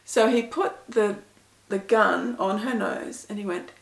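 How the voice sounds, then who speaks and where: A woman's voice: mid-range voice, unhurried, creaky, roomy sound. A middle-aged woman, chatting to camera as an author answering reader questions in a self-deprecating, storytelling way. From Pakistan. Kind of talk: casual talk to camera.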